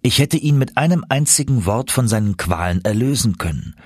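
A man reading first-person audiobook narration in a steady, measured storytelling manner. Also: medium pitch, breathy edge, no echo, clean studio sound.

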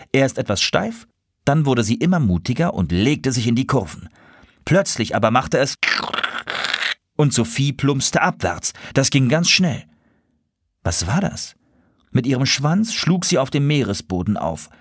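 A man reading a children's story aloud with an expressive, swooping delivery. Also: mid-range voice, a little slow, no room sound, studio quality.

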